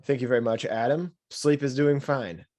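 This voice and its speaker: A man in casual podcast chat, reading out an email and cutting in with dry, sarcastic remarks. His voice is mid-pitched and recorded close and dry, with no room sound. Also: fairly even intonation, normal speed, darkish tone, no echo. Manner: sarcastic asides while reading aloud. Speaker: podcast co-host.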